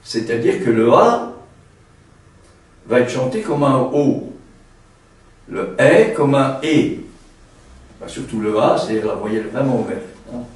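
A man who sings tenor gives a seminar lecture, talking haltingly with many restarts and a frequent tag word. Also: medium pitch, animated. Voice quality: trained singer's voice, a tenor. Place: seminar room. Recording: very echoey room, mic far off.

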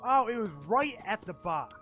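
A man's voice: sits high, animated, normal speed, fairly bright tone. A man giving casual commentary as he plays a horror game, muttering to himself a bit uneasily. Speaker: streamer playing a horror game. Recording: game music behind the voice. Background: mallet-like game music.

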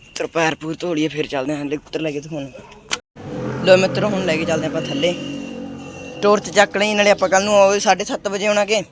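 A Punjabi man with a fairly high voice talks in a casual vlog style. He addresses viewers as friends and calls out to companions in colloquial speech. The handheld recording has faint noise and clicking. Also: fairly even intonation, brisk. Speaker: pigeon-keeping vlogger.

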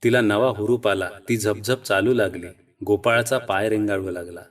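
A man narrating an audiobook story in a steady, measured storytelling manner. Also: lowish voice. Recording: distant mic with faint guitar.

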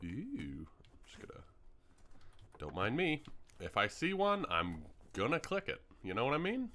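A man's voice: mid-range voice, wildly swooping pitch, a little slow, pushed and bright, a little hiss or hum. A young man from Canada giving rambling, casual commentary on a game build tour, full of ums, his voice starting to go. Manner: rambling, chatty, many ums. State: hiccups, voice starting to go. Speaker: gaming YouTuber.

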